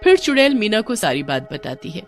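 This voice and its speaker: A woman telling a story in a lively narrating voice at a middle pitch. She reads it as scripted narration and moves easily between the plain telling and the people in the tale. Faint music plays behind her. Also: fairly quick.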